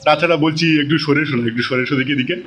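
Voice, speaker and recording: A man's voice: a little high, racing, fairly bright tone, slight background noise, close to an everyday voice. A man playing a brash, pushy middle-aged man in a comic audio drama, hot-tempered and full of threats. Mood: blustering. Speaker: the daughter-in-law's father, a co-in-law.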